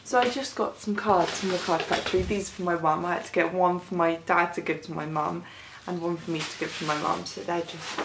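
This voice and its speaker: A young British woman vlogs in a casual, chatty way, her tired voice starting to give out with a creaky edge. She is recorded in a roomy bedroom with some echo and faint noise behind her. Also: lowish voice, fairly even intonation, fairly quick. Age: 20s. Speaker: vlogger. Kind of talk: casual chatty shopping haul. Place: bedroom, indoors. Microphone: camera a short distance away.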